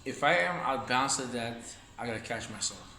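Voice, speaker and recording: Fairly quick and sharp in tone, a mid-range male voice carries this casual Wing Chun demonstration talk. He rambles, repeats himself, and speaks while performing moves, in an echoey room with faint ambience.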